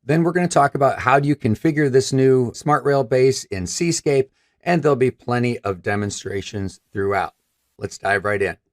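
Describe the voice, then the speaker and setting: A scratchy-voiced man in his fifties from Michigan hosts a technical live stream presenting a product, speaking at a normal speed in a mid-range voice. He's upbeat and chatty, gesturing as he talks in front of a brick wall backdrop.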